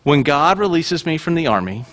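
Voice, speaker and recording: Animated pastor, high lively voice. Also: male voice, normal speed. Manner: animated self-mocking storytelling. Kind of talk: sermon.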